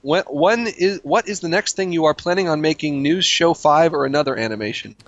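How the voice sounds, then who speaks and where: Dry, offhand podcast host. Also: male voice, a little high, fairly quick, fairly bright tone, no echo, dull audio. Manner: dry, offhand, swears casually. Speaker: podcast host reading emails. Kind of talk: casual comedy podcast chat.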